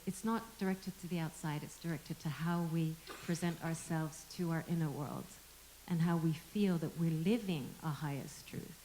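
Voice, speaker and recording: A woman's voice: low voice, dark tone, slight background noise, low-quality recording. A woman, an actor, speaking on a discussion panel, reflective and searching for her words as she goes.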